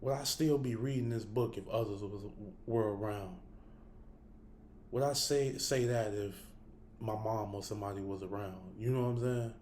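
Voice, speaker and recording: Hiccuping as he goes, this host muses aloud to camera, swearing often and speaking plainly to his listeners. His fairly low, steady voice is a little mellow and moves at a moderate pace, with slight hiss or hum present.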